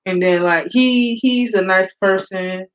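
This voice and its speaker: A shy, soft-spoken woman co-hosting a live chat stream, talking hesitantly. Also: mid-range voice, slow pace. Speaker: co-host of a live couple's channel. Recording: dull lo-fi live-stream audio.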